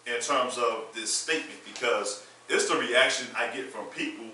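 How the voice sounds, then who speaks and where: A man's voice: mid-range voice, moderate pace, bright, forceful tone, slight background noise. A man hosting a panel talk show, blunt and outspoken in casual discussion. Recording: echoey room from far off.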